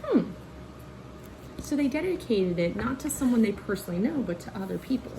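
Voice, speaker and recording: Her fairly high, mellow voice swings widely in pitch as she reads a little fast, telling a picture book story to children like a teacher and weaving in pointers and questions. A little hiss or hum sits on the rough recording.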